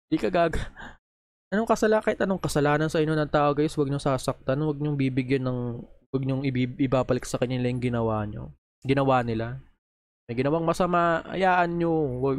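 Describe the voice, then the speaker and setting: A man's voice: fairly high pitch, dry recording. A man reacting on video in a heated, profane, scolding rant, talking straight into a close microphone. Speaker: video creator reacting to posts.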